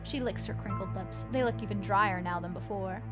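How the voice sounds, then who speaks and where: A woman game streamer reading text aloud and commenting casually, with an expressive delivery. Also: mid-range voice, moderate pace, music in the background.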